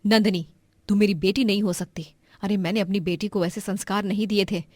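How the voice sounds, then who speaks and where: A woman's voice: medium pitch, fairly even intonation, fairly quick, darkish tone, dry recording, studio quality, lightly acted. A woman voicing a stern middle-aged mother who scolds her daughter in a cartoon story. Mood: stern scolding.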